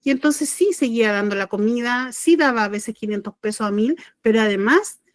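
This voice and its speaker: A woman's voice: on the high side, expressive, fairly quick, dry recording, studio quality. A middle-aged woman with a Chilean accent, a spiritual channeler telling a personal story in a rambling, self-correcting, heartfelt way. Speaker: spiritual channeler and podcast host.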